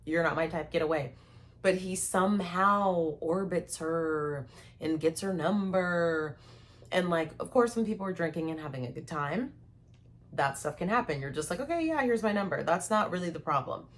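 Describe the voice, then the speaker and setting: A woman's voice: on the low side, moderate pace. A young woman telling a story in a casual, heated rant to the camera, acting out what others said. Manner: animated, heated, acts out quotes. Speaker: content creator.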